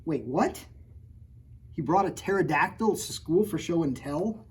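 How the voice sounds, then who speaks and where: Reading his own picture book to a group of children, a man speaks in a fairly high, husky, expressive voice without hurrying. He's playful and jokey, talking right to the kids and feigning outrage at the story he wrote.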